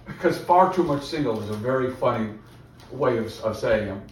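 A man's voice: medium pitch, animated, moderate pace, slight background noise. A man coaching a stand-up student, explaining and joking along encouragingly. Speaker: comedy teacher. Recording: echoey room from far off.

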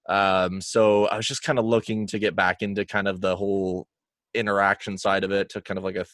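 A man's voice: sits low, flat delivery, a little fast, fairly bright tone, dry recording, clean studio sound. A young man, chatting as a guest with lots of ums and uhs. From Canada. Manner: hesitant, many fillers. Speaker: guest podcaster. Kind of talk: casual interview chat.

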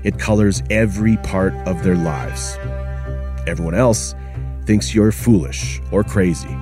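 A man narrating a documentary in a measured, grave tone with dry irony. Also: sits low, music in the background. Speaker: podcast host and narrator.

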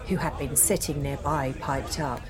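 A woman co-hosting a podcast who narrates ghostly folk tales in a slow, measured, dramatic way. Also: deep voice, steady tone, some chatter behind. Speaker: podcast co-host and storyteller. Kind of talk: fireside storytelling narration.

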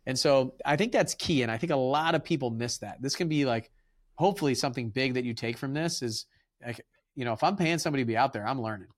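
A man's voice: medium pitch, fast talker. Casual man hosting a podcast chat. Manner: relaxed, rambling, acts out conversations with tradesmen. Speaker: podcast host.

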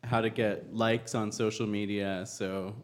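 A man co-hosting a casual comedy chat, halting as he searches for words. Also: on the low side, little pitch movement. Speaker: podcast co-host.

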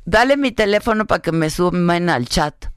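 A woman's voice: fairly low pitch, lively intonation, normal speed, clear, resonant tone, no echo, clean studio sound. A woman hosting a radio interview in a playful, teasing way, laughing often. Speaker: radio host.

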